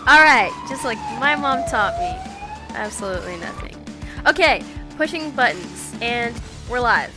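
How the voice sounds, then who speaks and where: A woman's voice: on the high side, wildly swooping pitch, unhurried. A woman playing a bold, determined young female rebel who speaks confidently and persuasively. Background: music.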